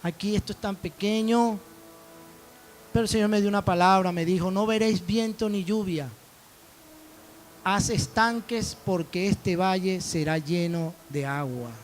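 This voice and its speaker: A man's voice: sits high, moderate pace, a little hiss or hum. A man preaching a sermon as pastor, telling stories and acting out dialogue. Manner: storytelling preacher, quoting dialogue.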